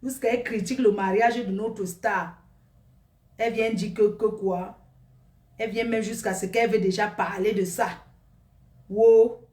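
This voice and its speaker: A woman doing a comic monologue, gossiping and exclaiming in a lively, animated way. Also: mid-range voice, moderate pace, echoey room, far from the mic.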